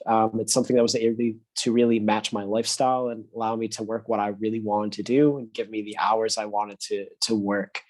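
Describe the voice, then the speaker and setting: A man from the United States, a consultant, introducing himself in a relaxed, steady way with many ums. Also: mid-range voice. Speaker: guest consultant. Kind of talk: casual self-introduction.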